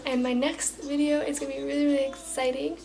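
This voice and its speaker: A young woman vlogger casually retelling a story in a chatty, animated way with lots of fillers. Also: high-pitched, fast, creaky, rough recording.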